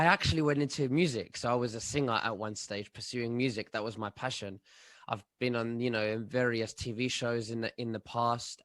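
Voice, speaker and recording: A man, answering interview questions in a halting way, full of fillers and restarts, over a remote call. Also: mid-range voice, fairly bright tone, dry recording, studio quality. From London, England. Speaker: guest, online commentator.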